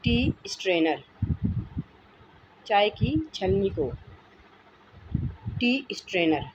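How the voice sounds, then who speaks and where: A woman's voice: medium pitch, lively intonation, extremely slow, lo-fi sound. A woman giving a vocabulary lesson, patiently repeating each word as she explains it. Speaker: teacher. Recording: noisy home recording.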